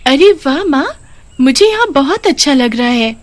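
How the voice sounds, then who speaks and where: Woman voicing a young girl, cartoon story, high childlike voice, lively, dry recording. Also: moderate pace, no echo. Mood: delighted. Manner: high, excited and tearful. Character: young girl, grieving daughter.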